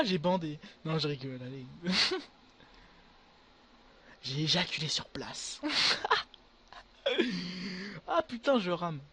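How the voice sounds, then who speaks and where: A young man giving casual gameplay commentary to his viewers, excitable and full of crude slang. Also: sits high. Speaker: gaming video creator.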